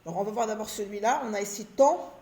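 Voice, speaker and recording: A woman teaching beginners to read, sounding out syllables slowly and drawing out each sound. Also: mid-range voice, mellow. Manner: slow, drawn-out syllable sounding. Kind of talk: reading lesson for beginners. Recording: echoey room.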